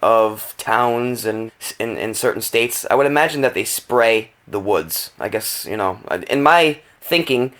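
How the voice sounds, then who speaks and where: A man co-hosting a casual podcast from New England, telling stories in an animated way. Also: fairly low pitch, measured pace, few pauses. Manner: storytelling, animated about spooky finds. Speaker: podcast co-host. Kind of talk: casual chat.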